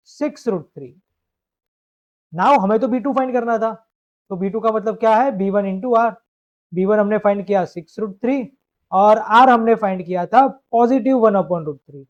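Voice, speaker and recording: High-voiced man teaching math. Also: a little mellow. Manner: explains step by step, asks students to confirm. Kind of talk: live online lecture. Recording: dull lo-fi stream audio.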